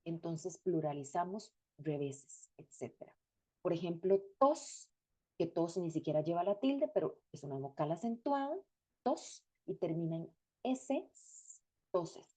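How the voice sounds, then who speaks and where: A woman's voice: on the low side, lively intonation, unhurried, mellow. A woman teaching a grammar class, explaining step by step and repeating each example word. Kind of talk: recorded lecture.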